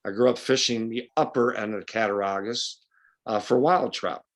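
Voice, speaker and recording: A man's voice: on the low side, moderate pace. A man from western New York talking bluntly and casually as a fishing guide at a club meeting, with a folksy, opinionated way of speaking.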